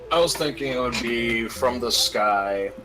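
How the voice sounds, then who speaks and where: A man's voice: mid-range voice, a little slow, bright, forceful tone. A man chatting casually as a player in a tabletop game, describing his moves.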